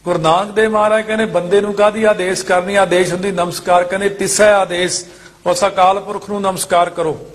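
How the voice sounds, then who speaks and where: A man's voice: high-pitched, level tone, fast. A man with an Indian Punjabi accent teaching scripture pronunciation, chanting verses in a lilting tone and then explaining each word with care.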